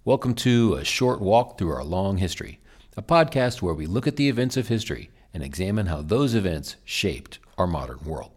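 A man hosting a history podcast, narrating a scripted episode as a lively storyteller with dramatic emphasis. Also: low-pitched, normal speed, slightly rough.

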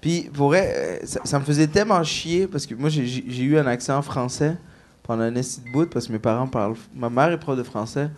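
A comedian guest on a casual podcast tells animated stories, acting out the people he quotes, in a Québécois French accent picked up as a newcomer since French isn't his first language. His medium-pitched voice is brisk, with a little hiss or hum in the audio.

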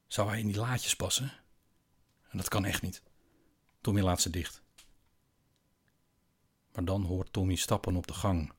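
Man, very low voice, quiet, slow, hushed, scripted eerie story narration. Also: steady tone, husky.

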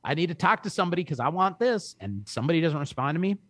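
A man in his early forties, talking in a casual podcast chat with an emphatic, energetic salesman's delivery. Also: on the high side, racing, no room sound. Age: 40s. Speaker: guest.

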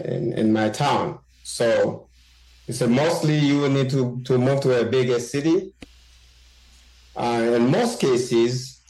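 A man from Haiti, a journalist guest in an interview, talking haltingly with many fillers and restarts. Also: medium pitch, a little mellow. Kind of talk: interview conversation. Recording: roomy echo.

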